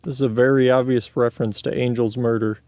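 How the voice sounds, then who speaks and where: A man reading scripted video game narration in a deadpan manner, with casual asides. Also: medium pitch, fast, no room sound.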